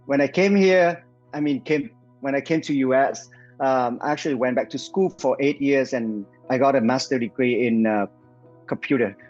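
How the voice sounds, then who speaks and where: A man's voice: mid-range voice, moderate pace, darkish tone, dull audio, soft background music. A man in his forties from Vietnam with a Vietnamese accent, a nonprofit founder answering interview questions with many fillers and restarts.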